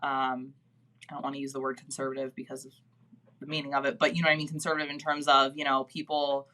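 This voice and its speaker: A woman speaks as an interview guest in loose, friendly conversation. She talks chattily and keeps filling her sentences with "like" and "you know". Her voice is very bright and forward. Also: a bass voice, flat delivery, quick pace. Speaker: guest, business executive. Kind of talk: casual interview chat.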